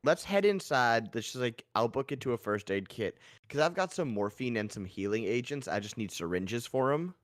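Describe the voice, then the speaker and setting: A man's voice: mid-range voice, expressive, normal speed, few pauses, dry recording, clean studio sound. A man talking as a player in a tabletop role-playing game, casual and a little hesitant.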